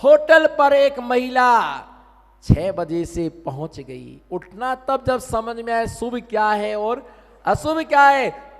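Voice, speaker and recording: A man preaching a sermon, slowly drawing out exclamations and calling on his listeners to repeat his lines. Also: extremely high pitch, a bit bright. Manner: calls on the audience to repeat lines. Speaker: Jain monk preaching. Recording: long hall reverb.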